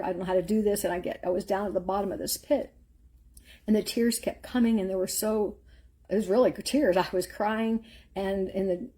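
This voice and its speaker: Husky, mellow-voiced woman giving faith encouragement. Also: mid-range voice. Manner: earnest, rambling, storytelling with filler words. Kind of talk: live-streamed faith encouragement talk.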